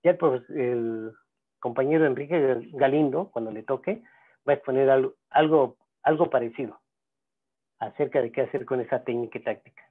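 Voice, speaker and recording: A man teaching a seminar, talking in a halting way with many fillers and restarts. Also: mid-range voice. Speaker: seminar instructor. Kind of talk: lecturing at a seminar. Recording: gravelly voice on a tinny phone-like line.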